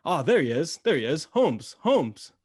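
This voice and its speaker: A man acting in a radio drama as Doctor Watson, a blustering, kindly, indignant gentleman with old-fashioned turns of phrase. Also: on the high side, big pitch swings, a little slow, breathy edge, dry recording, studio quality, full character voice. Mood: fussy, concerned.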